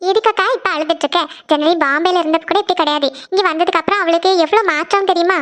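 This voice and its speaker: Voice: very high-pitched, a bit bright. A performer voicing a caring younger sister in a cartoon series, coaxing and reassuring her crying elder sister. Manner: coaxing, reassuring, rapid questions. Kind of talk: Tamil cartoon series dialogue.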